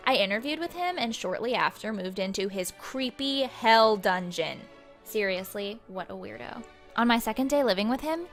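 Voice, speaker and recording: A woman's voice: mid-range voice, lightly acted. A young woman playing a bubbly, slangy female ghost who vlogs her afterlife in a breezy, flippant valley-girl manner for a comedy web series. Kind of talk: comic vlog monologue.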